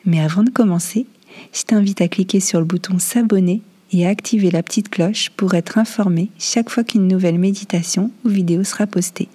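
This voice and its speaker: A woman leading a guided meditation in a soft, half-whispered, soothing voice with long pauses. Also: medium pitch, steady tone, breathy edge, no room sound. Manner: slow, hushed, soothing delivery with long pauses. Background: new-age music.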